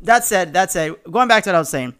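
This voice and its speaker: A boisterous man hosting a party podcast as its hype man. His voice is clear and smooth, and he talks in hyped slang, often repeating himself and swearing freely. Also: high-pitched, expressive, fast, sharp tone.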